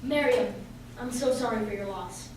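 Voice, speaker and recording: In an amateur radio play, a woman with a fairly high voice plays a firm detective questioning former classmates at a crime scene, with a businesslike mood, moderate pace, and light acting. It was recorded in a very echoey room on a distant mic, with faint background noise.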